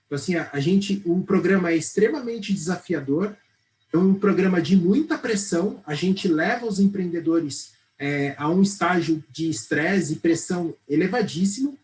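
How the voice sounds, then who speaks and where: In a low-quality recording, a high, slightly mellow male voice speaks at a moderate pace. He's a middle-aged startup accelerator head from Brazil, speaking with a Brazilian Portuguese accent and explaining fluently in a TV studio interview, with frequent "né" and "tá" tags.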